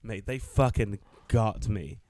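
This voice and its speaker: A young man co-hosting a podcast, telling a story in lively casual chat, swearing freely and acting out what people said. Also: fairly low pitch, slow. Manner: animated storyteller, swears freely, acts out quotes. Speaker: podcast co-host.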